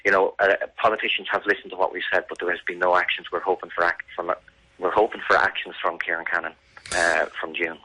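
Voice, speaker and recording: Speaking fast in a low, husky voice with a sharp tone and flat delivery, this victim's family campaigner answers radio interview questions seriously and earnestly. He is emphatic and frequently repeats words, and the audio quality is poor.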